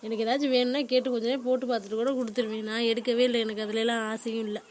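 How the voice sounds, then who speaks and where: A woman's voice: fairly high pitch, flat delivery, racing, darkish tone, slight background noise, close to an everyday voice. Woman doing a defensive young daughter-in-law. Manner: defensive, protesting. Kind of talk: comedy cartoon voice acting.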